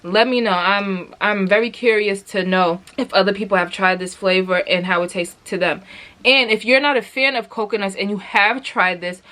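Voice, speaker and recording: A woman's voice: medium pitch, fairly bright tone. A woman giving a casual product review vlog, chatty and rambling with lots of fillers, talking straight to her viewers and asking them questions. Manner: addresses viewers directly, asks many questions.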